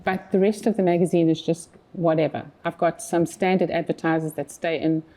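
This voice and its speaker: Low, steady and dark, the voice belongs to a South African magazine publisher in her fifties, speaking briskly with a South African accent. As an interview guest she chats casually, using many fillers and restarts.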